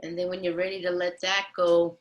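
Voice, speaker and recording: A woman guiding mindful movement as a yoga and meditation instructor, with a soothing, gentle manner and unhurried pauses. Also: on the low side, level tone, lo-fi sound.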